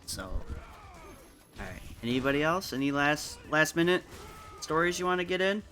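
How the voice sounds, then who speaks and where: Bright-voiced man hosting casual banter. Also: a little high, lively intonation, normal speed, soft background music. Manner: teasing, laughing banter. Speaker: host. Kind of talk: casual chat. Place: streamed roundtable on mic.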